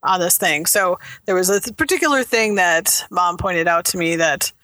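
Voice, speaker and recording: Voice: mid-range voice, normal speed, pushed and bright, no echo. Tired, rambling podcast co-host. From Minnesota. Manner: rambling, self-correcting. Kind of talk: casual chat. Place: inside a car.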